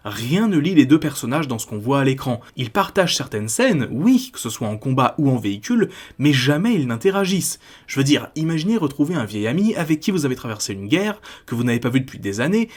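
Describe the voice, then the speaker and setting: A man's voice: mid-range voice, breathy edge. A man from France hosting a video essay, talking in a critical, conversational way with frequent casual fillers. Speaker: YouTube host.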